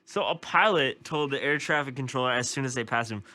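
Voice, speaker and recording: A young man co-hosting a casual chat, joking and teasing his co-host with animated energy. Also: mid-range voice, a little fast, no echo.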